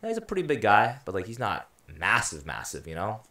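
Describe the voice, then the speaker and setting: Brief: low-pitched man, rapid rambling chat, echoey room. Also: crowd noise. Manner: rambling, swearing, animated. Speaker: podcast co-host. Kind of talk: casual chat. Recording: roomy echo.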